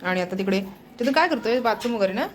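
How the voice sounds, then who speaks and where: A woman's voice: a little high, animated, fast, slight background noise. A young woman with a Marathi accent, casually narrating a home vlog to her viewers while doing chores. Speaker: vlogger. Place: apartment at home.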